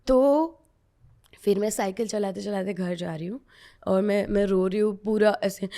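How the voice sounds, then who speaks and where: A woman's voice: medium pitch, measured pace, warm tone. A woman as a podcast guest, candidly recounting a personal story in an earnest, emotional way, often restarting her sentences.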